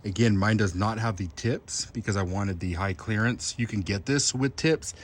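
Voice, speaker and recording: A man vlogging a truck part install in a casual, excited, chatty way, with fillers. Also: fairly low pitch, normal speed. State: out of breath.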